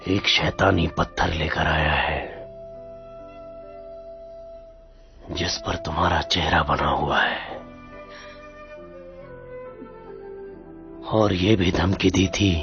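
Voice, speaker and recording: A stern imperial officer who speaks in measured, serious tones. His voice is very deep. The sound is dull and muffled, with a score in the background. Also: steady tone, creaky, a bit bright, heavily acted. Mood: earnest. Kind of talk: Hindi film dub. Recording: dull muffled film audio with music.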